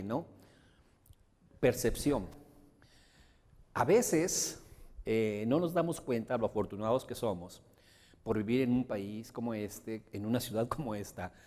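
A man's voice: medium pitch, a little slow, pauses often. A man giving a motivational seminar to an audience, telling stories and acting out the voices of the people in them. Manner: animated storyteller who acts out quoted voices. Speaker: seminar speaker. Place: large room before an audience. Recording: reverberant hall.

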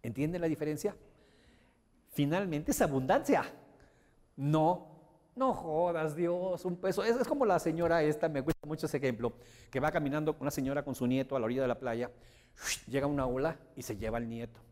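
A man's voice: fairly high pitch, fairly quick, a little mellow. Man teaching a motivational seminar. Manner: emphatic, checks understanding with rhetorical questions. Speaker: motivational course instructor. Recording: long hall reverb.

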